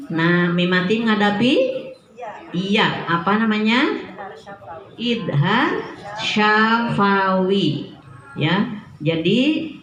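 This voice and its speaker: Slow, echoey woman teaching recitation. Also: mid-range voice. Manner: patient, demonstrates recitation slowly, chuckles often. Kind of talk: tajwid lesson to women's study group. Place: study-group room indoors. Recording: echoey room.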